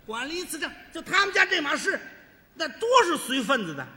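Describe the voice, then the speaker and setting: A man performs crosstalk comedy, telling a boastful story in a high voice. The pitch leaps around with animated energy. The sound has the long reverb of a large hall and a faint hum of ambience behind it. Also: brisk.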